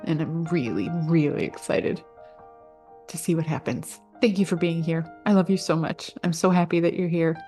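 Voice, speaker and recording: A woman's voice: low-pitched, moderate pace, dark tone, soft background music. A woman vlogger in casual heartfelt talk, earnest and gushing, full of fillers.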